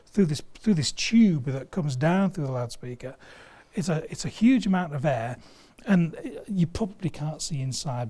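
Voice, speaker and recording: Here the same kind of guest, a loudspeaker company's sales director, talks up a product in a video studio conversation. His pitch is fairly high and his tone dark, and he's emphatic and enthusiastic, fond of comparisons from daily life.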